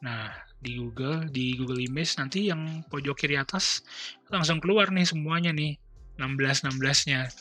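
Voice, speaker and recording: A man's voice: on the high side, normal speed, sharp tone, soft background music. A man, explaining things step by step in an informal livestream style. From Indonesia. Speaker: streamer explaining personality types. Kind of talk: casual explanatory livestream talk.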